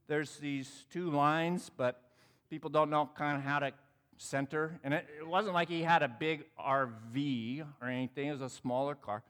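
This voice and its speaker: A man's voice: fairly high pitch, moderate pace, fairly bright tone, long reverb tail. A man telling a personal story in a conversational, sermon-like talk, acting out the voices in it. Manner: reflective, conversational, acts out quoted dialogue.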